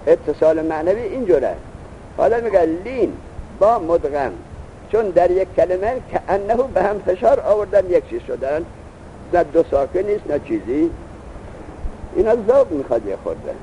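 A man's voice: high-pitched, animated, mellow, slight background noise. A man teaching a seminary grammar lesson, reciting Arabic text and then explaining it patiently. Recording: dull lo-fi recording.

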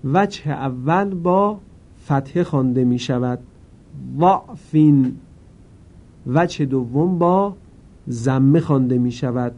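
A man teaching Quran reading in a careful, slow way, now and then chanting a word slowly. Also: lo-fi sound. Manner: chants the words slowly, louder and higher. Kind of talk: lesson.

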